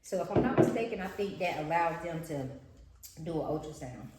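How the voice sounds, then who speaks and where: A woman's voice: fairly low pitch, lively intonation, brisk. A young pregnant woman chatting casually to her viewers while eating, often calling them y'all. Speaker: vlog co-host. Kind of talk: casual chat over a meal. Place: restaurant table, indoors. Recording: very echoey room, faint noise.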